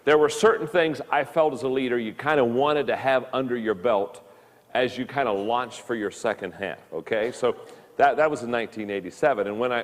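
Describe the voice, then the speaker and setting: A man's voice: mid-range voice, in a large hall. A man in his fifties giving a recorded leadership lesson, often stumbling and repeating words as he talks. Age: 50s. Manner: halting, repeats words while speaking. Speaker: leadership teacher.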